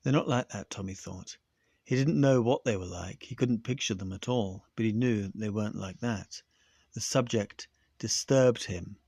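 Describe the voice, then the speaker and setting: A male podcast host reading a science fiction story aloud in a steady, even manner. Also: lowish voice, normal speed, no room sound, studio quality.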